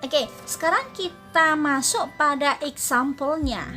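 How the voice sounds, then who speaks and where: A woman's voice: high voice, measured pace, sharp tone, faint music behind. A woman teacher with an Indonesian accent, a native Indonesian speaker, leads a classroom vocabulary lesson, repeating each phrase and then explaining it. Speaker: English teacher.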